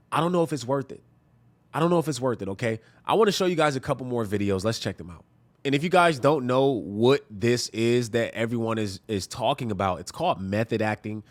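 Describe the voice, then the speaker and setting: A man hosting a reaction video, commenting earnestly on clips and punctuating points with "okay?". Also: medium pitch. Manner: earnest, preachy, repeats "okay?".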